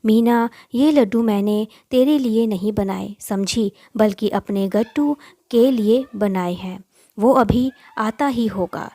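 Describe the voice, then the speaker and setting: A woman voicing a harsh, sharp-tongued stepmother who scolds and shouts, in a storybook reading. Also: medium pitch, takes it slowly, no room sound. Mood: scolding. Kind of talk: storybook voice acting.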